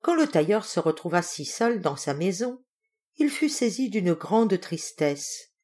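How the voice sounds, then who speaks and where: Woman storyteller, low-pitched, very lively reading. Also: unhurried. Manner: expressive, lilting read-aloud. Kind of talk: fairy tale read aloud.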